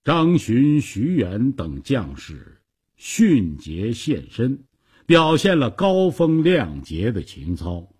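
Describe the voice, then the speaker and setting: 一位男性说书人，以富有戏剧性的广播评书方式讲述故事。. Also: male voice, mid-range voice, slow, slightly rough. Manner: dramatic, animated storytelling. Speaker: storyteller. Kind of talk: radio story narration.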